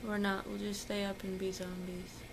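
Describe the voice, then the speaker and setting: Woman co-host, mid-pitched, dry short interjections, noisy home room. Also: level tone, moderate pace, gravelly. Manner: brief dry interjections, laughs often. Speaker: vlog co-host. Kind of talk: casual chat.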